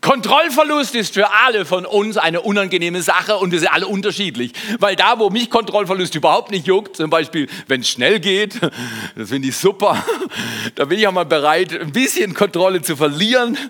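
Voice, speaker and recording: Male preacher from Germany, high bright voice, lively storyteller who talks straight to the listener and drops to near-whispers. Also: moderate pace. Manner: animated storytelling, swings from loud to hushed; addresses listener directly. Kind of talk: sermon with personal anecdote.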